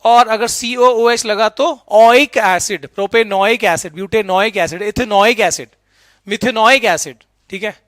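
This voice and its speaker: A middle-aged man teaching chemistry in a lively lecture, often checking in with "right?" and mixing English terms into his talk. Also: high-pitched, measured pace, no echo, clean studio sound. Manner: lively, keeps asking students "right?"; mixes English terms into Hindi. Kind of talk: explanatory classroom lecture.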